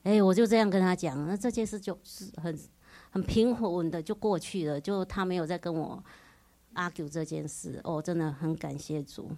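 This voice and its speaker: A woman in her forties with a Taiwanese Mandarin accent shares a personal religious testimony before a retreat group. Her voice sits slightly low for a woman, and she speaks earnestly and emotionally, sprinkling her story with frequent interjections. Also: normal speed, dark tone. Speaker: retreat participant giving testimony.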